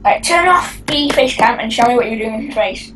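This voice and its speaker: Brief: female co-host, fairly high voice, stumbling casual read, picked up from a distance, faint noise. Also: lively intonation, brisk, music in the background. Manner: stumbling, restarting words. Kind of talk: casual creepypasta reading.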